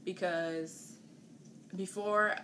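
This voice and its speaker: A woman's voice: lowish voice, fairly even intonation, drawn-out words, pushed and bright. A woman in her twenties chatting casually with her partner for her vlog, rambling with lots of fillers. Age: 20s. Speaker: vlogger. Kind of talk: casual chat. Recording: noisy home video.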